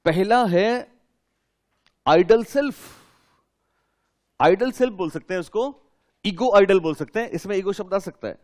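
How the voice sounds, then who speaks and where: High-voiced male teacher drilling his class. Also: measured pace, long pauses, darkish tone. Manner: call-and-response questions to students, repeating key terms. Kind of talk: classroom lecture.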